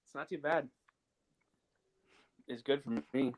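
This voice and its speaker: A man's voice: fairly even intonation, unhurried, slight background noise. Young man on glitchy, breaking-up call audio. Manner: low-key, short plain answers. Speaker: competing athlete on a video call. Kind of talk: casual chat. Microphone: phone on a video call.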